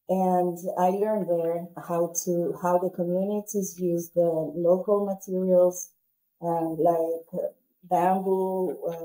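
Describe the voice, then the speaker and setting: Peruvian woman with a dark, mellow voice. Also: fairly low pitch, rough recording. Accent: Peruvian Spanish. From Peru. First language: Spanish. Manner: earnest, explains with pauses and restarts. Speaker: guest architect. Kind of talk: video call interview. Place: home room, indoors. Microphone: wired earphone mic.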